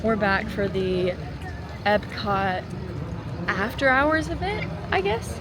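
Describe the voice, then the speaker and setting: A woman's voice: mid-range voice, very animated, takes it slowly, background noise. A woman chatting casually and informally to camera as a vlogger, often saying "like". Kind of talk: casual vlog chat to camera.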